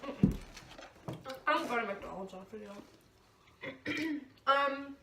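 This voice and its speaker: A woman's voice: high voice, animated, takes it slowly, far from the mic, very noisy. A young woman vlogging a mukbang with friends, chatty and giggly, swearing freely. She is recorded in an echoey room, away from the camera mic. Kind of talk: casual mukbang chat with friends.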